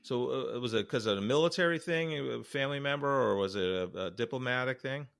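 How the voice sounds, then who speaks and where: A man hosting a podcast, asking relaxed questions and giving brief replies. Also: medium pitch, a little fast, creaky, smooth. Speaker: podcast host. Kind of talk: casual interview chat.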